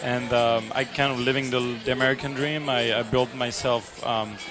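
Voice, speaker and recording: A man's voice: mid-range voice, fairly even intonation, moderate pace, crowd noise. A man from the south of France with a French accent, speaking earnestly as an interview guest, with many fillers and restarts. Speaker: guest, charity supporter and restaurant owner. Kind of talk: conversational interview. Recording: music playing underneath.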